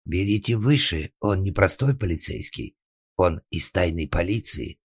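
An actor playing a timid, frightened carpenter who pleads and stammers in an audiobook. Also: male voice, sits low, lively intonation, unhurried, no room sound, studio quality, exaggerated voice. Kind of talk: audiobook character acting.

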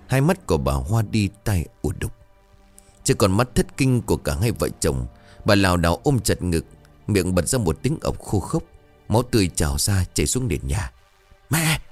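A man narrating a ghost story in a dramatic, expressive way. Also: low-pitched.

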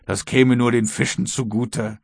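A male audiobook reader voicing a bold, unflappable American servant with a husky voice. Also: medium pitch, flat delivery, unhurried, dry recording, clean studio sound. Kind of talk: audiobook reading.

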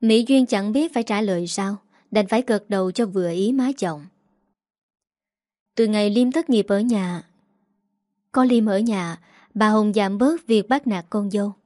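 A woman narrating a family story in a steady, even way. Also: medium pitch, measured pace, pauses often, dry recording, clean studio sound.

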